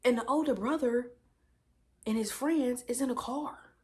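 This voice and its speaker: A woman in her twenties does her makeup while chatting to viewers about books she's read, retelling plots with lively asides and rhetorical questions. She's a book vlogger with a voice on the high side and an unhurried pace.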